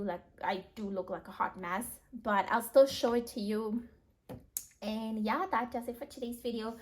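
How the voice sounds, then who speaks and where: A woman's voice: a little high, rough recording. A heavily pregnant young woman chatting casually to viewers, tired and out of breath, thinking aloud in a hesitant, chatty way. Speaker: vlogger reviewing bags.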